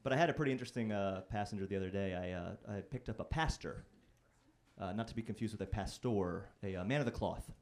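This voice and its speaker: A man's voice: lowish voice, quick pace, a little mellow. A man performing a stand-up set on a comedy club stage, telling stories in a conversational, self-deprecating, wry way into a handheld mic.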